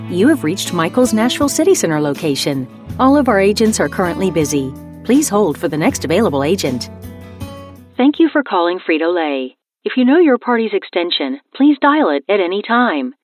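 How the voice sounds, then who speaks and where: A woman reads recorded phone message prompts in a polished, friendly way, her pitch rising and falling a lot. Faint music plays underneath. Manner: polished, friendly automated-greeting delivery.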